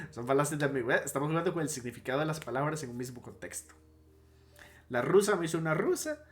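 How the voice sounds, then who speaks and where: A man gives a casual online logic lecture, working through ideas step by step and pausing to restate and correct himself. His voice is a little high.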